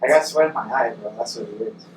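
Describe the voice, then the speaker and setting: A man's voice: mid-range voice, fast. Casual male podcast co-host, sweary and slangy, struggling with spicy-food burn; roomy, noisy pickup. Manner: suffering from eating a very hot spicy chip, watery eyes and burning stomach. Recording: distant mic, echoey noisy room.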